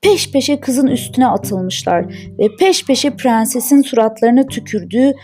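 A woman reads a fairy tale aloud in a slow, deliberate narrating voice. Her tone is mellow and somewhat high, with faint guitar music under her. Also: lively intonation. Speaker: storyteller. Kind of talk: storybook narration.

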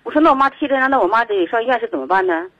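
Agitated rambling caller on a muffled line. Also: male voice, extremely high pitch, lively intonation, racing, creaky, dry recording. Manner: rambling, agitated, repeats himself. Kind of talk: phone call to radio show.

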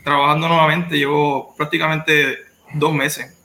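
A man's voice: a little high, level tone, unhurried, pushed and bright. A man in a casual podcast chat, speaking earnestly. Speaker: podcast guest. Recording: roomy echo, faint noise.

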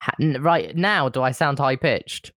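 A male podcast co-host on a voice call whose voice is glitching higher in pitch, talking in puzzled, stammering restarts. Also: measured pace, a bit bright. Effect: voice glitching higher in pitch over the call. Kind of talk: casual chat.

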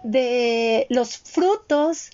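A woman's voice: a little high, drawn-out words, warm tone. A woman in her forties talking reflectively and earnestly, addressing her listeners directly in a motivational way. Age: 40s. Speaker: co-host. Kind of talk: reflective conversational talk. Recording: dull lo-fi sound.

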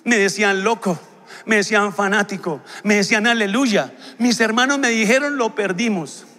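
A man preaches to a youth gathering, his high voice ringing bright and forceful. He builds passionately and often breaks into shouts. The sound trails off in the long reverb of a large church hall. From Colombia. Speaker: pastor. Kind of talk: sermon to young people.

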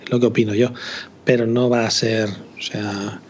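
A man's voice: lowish voice, little pitch movement, moderate pace, darkish tone. Brief: man, assured know-it-all co-host, casual swearing, muffled lo-fi sound with faint hiss. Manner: confident, explanatory, casually profane. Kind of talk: casual tech chat.

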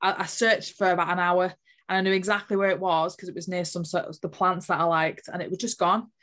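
A woman's voice: lowish voice, level tone, fairly quick, fairly bright tone. A woman earnestly telling a personal spiritual story as an interview guest, emotional and full of fillers.

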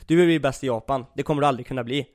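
A man voicing a quiet, nearly invisible teenage basketball player in a calm, matter-of-fact way. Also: mid-range voice, lightly acted.

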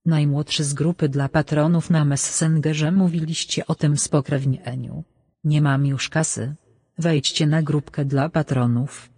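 A synthetic male voice flatly reading out viewer donation messages. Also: on the high side, a little slow, husky, no echo.

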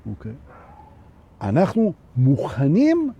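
A man leads a live-streamed spiritual lesson with a somewhat high, husky voice that swings widely in pitch. He keeps repeating phrases for emphasis and checks in with his listeners again and again. Now and then he acts out small everyday scenes. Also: lo-fi sound. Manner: animated, repeats phrases for emphasis and asks the audience "right?". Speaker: spiritual teacher. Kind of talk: live-streamed talk on anger and the ego.

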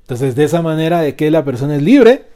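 A man preaching a sermon, asking the congregation questions and swinging between loud and soft. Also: fairly high pitch, big pitch swings, quick pace. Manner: call-and-response with congregation.

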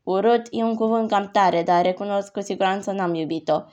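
A woman reading a gentle joking father. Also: mid-range voice, lightly acted. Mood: teasing. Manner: gentle, teasing. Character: warm joking middle-aged father. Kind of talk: audiobook character reading.

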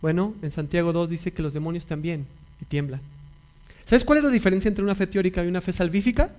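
A man's voice: high-pitched, fast, darkish tone. A male pastor preaching a sermon, repeating key phrases and putting questions to his congregation.

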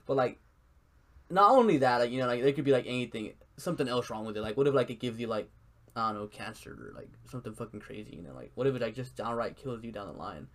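A man's voice: mid-range voice, quick pace. A man rambling in casual chat, full of filler words and swearing.

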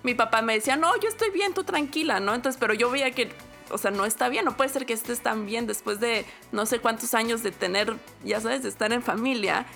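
Speaking a bit quickly in a gravelly, fairly high voice, a young Mexican woman tells a personal story on a relaxed podcast. Her Mexican Spanish accent comes through, she acts out what people said with lively energy, and quiet music plays underneath.

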